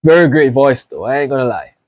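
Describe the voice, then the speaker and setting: A man from Jamaica with a Jamaican accent, hosting a casual reaction video and gushing with excited praise as he talks to his viewers. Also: mid-range voice, fast talker, soft background music.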